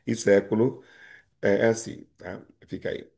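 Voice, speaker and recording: Mellow-voiced male teacher explaining grammar. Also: lowish voice, little pitch movement, measured pace, creaky. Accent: Brazilian Portuguese. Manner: explains patiently with frequent "né?" and "não é isso?" checks; hesitant restarts and fillers. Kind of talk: recorded video lesson on Portuguese grammar.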